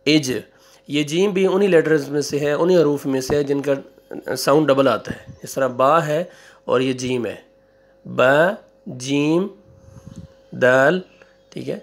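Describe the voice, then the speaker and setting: A man with a Pakistani Urdu accent teaching a Quran reading lesson, slowly drawing out syllables for pupils to repeat and then adding quick explanations. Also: on the high side, gravelly. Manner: slow, drawn-out drilling of syllables with quick asides. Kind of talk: online recitation lesson.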